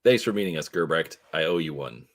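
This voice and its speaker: A man's voice: extremely low pitch, expressive, fairly quick. A man voicing a tough, terse female street mercenary in a clipped, businesslike way. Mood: brisk.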